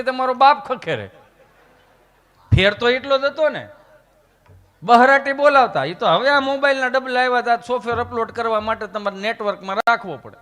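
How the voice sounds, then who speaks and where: Comic storyteller: a man, high-pitched and folksy, on a stage in a hall with a long echo. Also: pushed and bright. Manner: folksy, voices characters in anecdotes. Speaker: comedian. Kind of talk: comic storytelling to a live audience.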